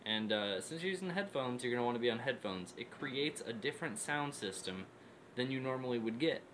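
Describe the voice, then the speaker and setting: Casually walking viewers through setting up a gaming headset, this male presenter speaks off the cuff and repeats steps for emphasis. His medium-pitched voice is animated, fairly quick and a bit bright, with a little hiss or hum.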